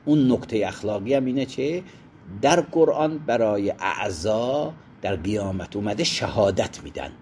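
A man's voice: medium pitch, darkish tone, breathy edge. A man teaching a seminary class on Islamic law, who quotes Arabic legal texts, glosses them and stops to define terms. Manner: explanatory, pauses to define terms. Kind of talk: classroom lecture on Islamic jurisprudence.

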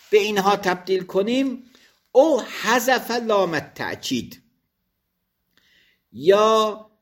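A man's voice: on the high side, fairly bright tone. A man teaching religious law, reading each phrase of a text aloud and then explaining it, sometimes correcting himself mid-word. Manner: thinks aloud with quick self-corrections.

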